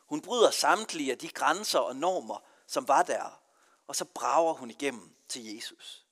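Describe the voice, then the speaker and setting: A man's voice: mid-range voice, lively intonation, fairly bright tone. A man from Denmark, a pastor, preaching a sermon with earnest emphasis that rises and falls. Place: church. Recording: long church reverb.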